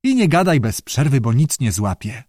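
A man's voice: mid-range voice, very animated, moderate pace, a little mellow, no room sound, studio quality. A male audiobook reader voicing a stubborn old father who scolds his son and later grows shaken and afraid. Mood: scolding. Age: older. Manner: scolding, dismissive, later shaky and fearful. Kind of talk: audiobook character voice.

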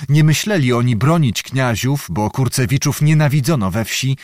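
A man narrating a literary novel in a steady, measured, descriptive reading voice. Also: mid-range voice, dry recording, studio quality. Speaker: audiobook narrator.

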